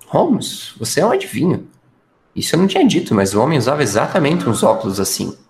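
A man's voice: medium pitch, huge pitch swings, fast, darkish tone. A man playing a detective's earnest, impressionable companion in a radio drama, recounting findings expressively. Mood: astonished, eager.

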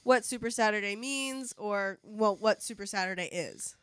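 A young woman chatting casually with her father, asking him questions and teasing him playfully. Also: mid-range voice. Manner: playful, quick to laugh and tease. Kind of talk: casual family chat.

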